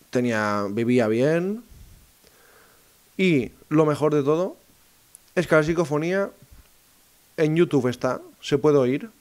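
A man talks in a casual monologue, speaking straight to his listeners and often pausing and restarting his phrases as he thinks aloud. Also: medium pitch, darkish tone, smooth. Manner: addresses listeners directly. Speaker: host of a segment on psychophony.

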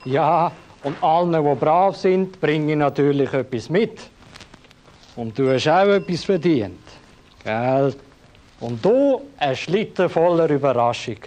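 A jolly Santa Claus. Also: male voice, fairly high pitch, lively intonation, takes it slowly, a little mellow. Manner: kindly, addresses children directly. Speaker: Santa Claus character in an advert.

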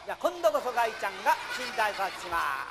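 A man's voice: sits high, big pitch swings, fast, background noise. A man performing a puppet show for children, playfully scolding his puppet and calling out to the audience.

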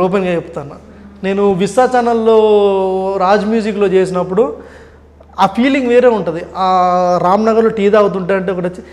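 A man talks as a comedian guest in a casual interview. He tells stories rapidly and with a lot of animation. His voice sits high and his words come quickly. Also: a little mellow.

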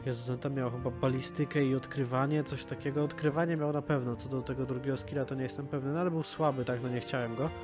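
Relaxed male gamer with game music. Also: medium pitch, fast, few pauses. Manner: relaxed, musing aloud, wry asides. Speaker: let's play gamer. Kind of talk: casual gameplay commentary.

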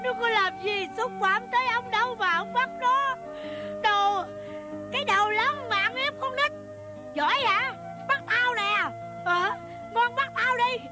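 A shrill wailing grieving mother. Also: measured pace. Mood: angry. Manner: wailing, sobbing, sings folk-opera laments. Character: grieving mother, tearful and shrill, lamenting her son. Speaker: comic stage character. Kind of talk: Vietnamese comic stage play with sung laments. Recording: stage recording with music behind.

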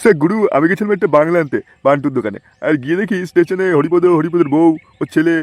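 A man's voice: fairly high pitch, fast talker, no echo, natural voice. A man voicing a loyal, gossipy henchman in a cartoon. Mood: eager. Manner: excited, swearing.

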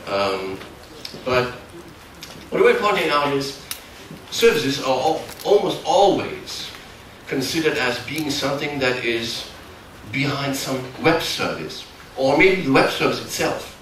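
Very animated and fairly bright, with a medium pitch, this middle-aged man from Germany near the Dutch border speaks with a German accent at a technical workshop. He explains haltingly, often correcting himself, in a large darkened conference hall; the distant camera mic picks up echo and background noise.

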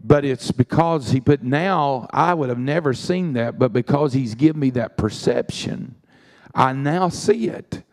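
A man's voice: medium pitch, a little slow, darkish tone. A man preaching a sermon in a church, telling folksy stories and dropping frequent amens. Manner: folksy storytelling with frequent "amen"s.

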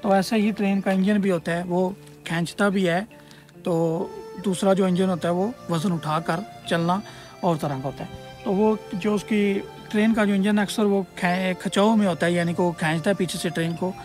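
A man leads a casual outdoor tour through open scrubland. His voice sits fairly high, and he explains things in a rambling way full of hesitant fillers. Faint music plays underneath. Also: normal speed. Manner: louder and more energetic while walking through the brush. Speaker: travel vlogger. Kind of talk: casual tour-guide vlog. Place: outdoors in open scrubland by an old stone bridge.

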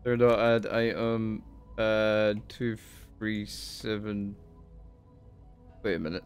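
A man streaming a game live, exasperated and swearing, with bursts of yelling between muttered commentary. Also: on the low side, little pitch movement, slow pace, soft background music. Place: home desk.

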